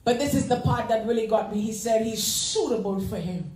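A woman associate pastor preaching a sermon, animated, with congregation call-and-response. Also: on the high side, fairly quick. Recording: echoey church sanctuary.

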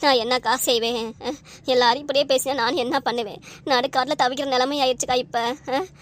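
A woman's voice: high voice, steady tone, fast talker, a bit bright. A woman voicing a young married daughter who pleads desperately with her family in a cartoon comedy. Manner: pleading, plaintive.

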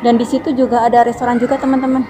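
A woman's voice: fairly high pitch, little pitch movement, rapid-fire, noisy background. A woman with an Indonesian accent giving a casual walking tour vlog outdoors by a seaside mall, chatting to her viewers as friends. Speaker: vlogger. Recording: loud background music.

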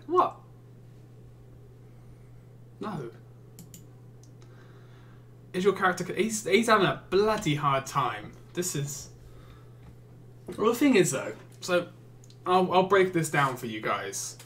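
A man's voice: a little high, lively intonation, measured pace, fairly bright tone, a little hiss or hum. A man with an English accent giving casual gaming commentary, reading out questions and answering them with wry, exasperated jokes. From England. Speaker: YouTuber and streamer.

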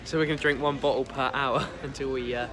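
A man's voice: medium pitch, steady tone, normal speed, a crowd in the background. A man in his thirties with an English accent, chatting and joking as he films a travel vlog on his phone in a car and on a ferry. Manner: chatty, jokey, teasing. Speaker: vlogger. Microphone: phone camera at arm's length. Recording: vehicle and street noise behind.

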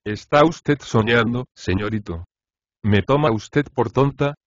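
A man's voice: mid-range voice, a little slow, dry recording, natural voice. A man voicing a poor, overworked female cook who complains and pleads with her master in a storybook reading, on a dry, slightly dull recording. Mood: complaining.

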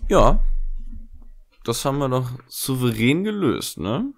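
A man's voice: medium pitch, very animated, slow pace. A man giving casual game commentary, muttering short questions to himself. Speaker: gaming video host. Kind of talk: casual let's play commentary.

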